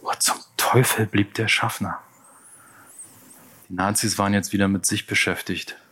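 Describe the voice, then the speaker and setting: A man narrating an audiobook in the first person, measured and tense. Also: on the low side, fairly even intonation, pushed and bright, husky. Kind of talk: scripted narration.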